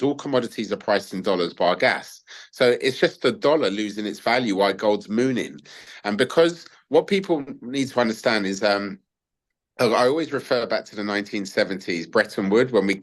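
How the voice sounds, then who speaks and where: Low voiced guy rambling on casually about his investment approach. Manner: talkative, full of fillers and asides. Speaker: gold investment adviser. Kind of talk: casual interview talk.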